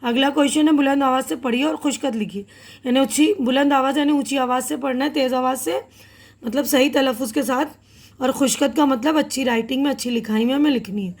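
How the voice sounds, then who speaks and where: Woman teacher, high voice, patient, repeats each word and its meaning, drops in English terms. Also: steady tone. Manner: mixes in English words. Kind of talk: classroom lesson explanation.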